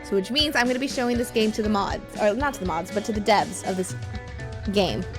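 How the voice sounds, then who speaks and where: A woman's voice: mid-range voice, a little fast, over music. A woman from Texas streaming a game on a headset mic, chatting and laughing often as she reads along. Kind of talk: live game stream commentary and reading.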